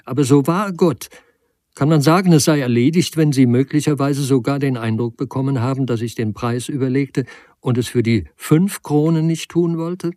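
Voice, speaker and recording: A man's voice: medium pitch, lively intonation, moderate pace, dark tone, husky, no room sound, clean studio sound. A man reading a frail, humble man in his forties who stammers and apologizes. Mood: pleading. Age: 40s. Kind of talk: audiobook character reading.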